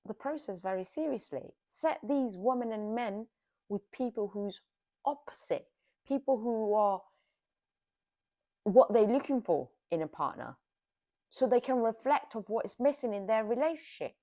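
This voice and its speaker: A woman's voice: on the high side, expressive, moderate pace, mellow. A woman giving casual, exasperated commentary on a reality TV show, scolding the people on it.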